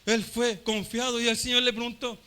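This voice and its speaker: A man's voice: extremely high pitch, little pitch movement, moderate pace, smooth. A man from Chile preaching a fervent Pentecostal sermon, repeating his phrases for emphasis. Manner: fervent, repeats phrases, acts out shouting crowd voices.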